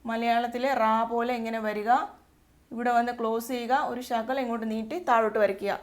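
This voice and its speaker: A woman with a Malayali accent gives a step-by-step alphabet lesson, her voice sitting a little high. She goes slowly and patiently, saying each letter sound twice so learners can copy it. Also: level tone. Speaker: Arabic tutor.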